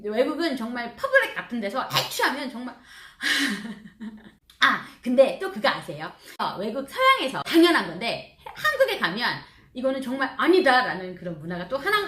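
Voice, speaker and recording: A middle-aged woman chats through a casual vlog story. Her voice is bright and sharp, and her pitch swings widely and often. She laughs a lot and acts out other people's lines, and the room echoes around her. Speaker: vlogger.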